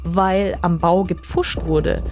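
A woman reporter explaining events in a relaxed conversational way, using everyday examples from her own life. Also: fairly low pitch, slow, a little hiss or hum. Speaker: foreign correspondent guest. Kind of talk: conversational podcast interview.

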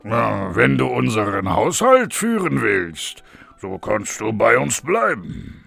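An actor voicing small gruff dwarf miners, slow and grumbling, in a children's fairy tale reading. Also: male voice, mid-range voice, wildly swooping pitch, fairly bright tone, faint music behind, heavily acted. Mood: kindly gruff.

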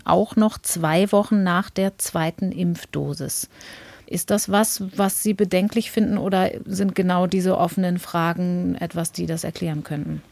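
A woman's voice: on the low side, darkish tone, no echo. Woman host asking probing questions. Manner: probing, sets context before questions. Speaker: podcast host. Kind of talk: podcast interview, asking questions.

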